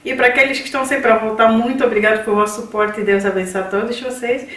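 A woman's voice: fairly high pitch, steady tone, very fast, fairly bright tone. A woman, talking through her grocery shopping in a home kitchen, listing items unhurriedly and ending phrases with little checking tags. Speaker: vlogger. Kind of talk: grocery haul vlog.

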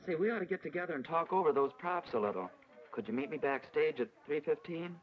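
A young man with an American accent playing a casual, keen high school boy in a 1940s instructional film. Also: quick pace, close to an everyday voice. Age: young adult. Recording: dull, lo-fi 1940s film soundtrack.

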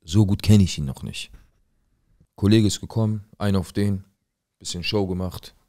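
A man with a deep, low-pitched voice tells a true story from his own life in a loose, conversational way. His speech is blunt and full of street slang. He acts out the other people's lines as he goes. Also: fairly even intonation, moderate pace, dark tone. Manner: street slang, plain and direct; acts out quoted lines in the tale. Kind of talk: casual first-person storytelling.

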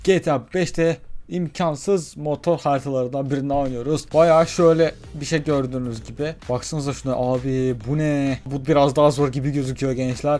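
A man giving let's play commentary as a gaming YouTuber, excitable, talking himself through the game and swinging between loud cheers and hushed muttering. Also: on the high side.

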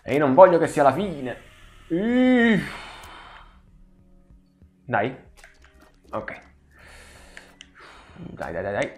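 A man hosting a gaming channel, giving excitable let's play commentary, swearing and pleading with the enemies on screen. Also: medium pitch, slow pace, long pauses.

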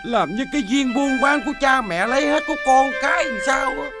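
An actor playing a greedy, henpecked eldest son in a TV folk-tale drama, with a whiny, pleading manner. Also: male voice, very high voice, a little fast. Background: music.

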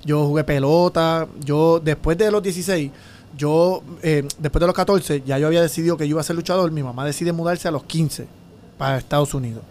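Quick animated guy from the dominican republic telling stories on a podcast, studio mic, bit of hiss. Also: a little high. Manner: animated, fast storytelling with sound effects and gestures. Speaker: podcast guest, wrestler. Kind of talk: casual storytelling interview. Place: small studio with dark curtains. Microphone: studio mic on boom arm, headphones.

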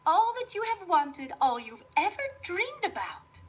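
A woman's voice: extremely high pitch, big pitch swings, a little slow, a little hiss or hum, voice pushed up, exaggerated voice. A woman voicing a bubbly, meddling fairy godmother in a rhyming storybook, with a gushing, sing-song delivery.

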